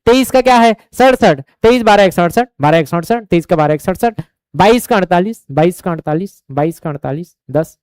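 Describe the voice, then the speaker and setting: A man's voice: sits high, lively intonation, brisk, a little mellow, no echo, clean studio sound. A man with a Chhattisgarhi accent teaching an exam coaching class, drilling numbers over and over and often asking if the students follow.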